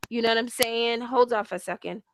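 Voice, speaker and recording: A woman runs her own broadcast, recapping a reality show in blunt, slang-heavy rants. She speaks a little higher than most women and often lectures her listeners directly. A steady hiss sits under her voice. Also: a little fast. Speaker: host reviewing a reality show. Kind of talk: casual ranting commentary. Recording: hissy home recording.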